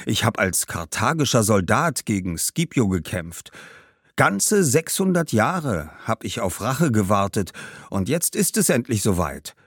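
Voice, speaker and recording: A man voicing the boastful ghost of an old warrior ancestor, speaking slowly and indignantly in a storybook. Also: big pitch swings, no room sound, clean studio sound. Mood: gleeful. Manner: slow, booming and indignant.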